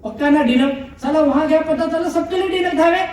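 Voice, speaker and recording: A high-voiced man tells a comic story to a live audience, playing every part in it. He sounds far from the mic in a very echoey hall. Crowd murmur and noise sit behind him. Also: fairly quick. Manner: animated, comic, acts out dialogue. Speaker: motivational speaker.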